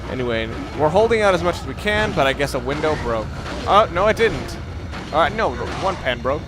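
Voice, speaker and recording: In brisk, expressive commentary with a fairly high voice, a gaming video creator rambles through a let's play and jokes about himself. Loud video game music and sound effects fill the background.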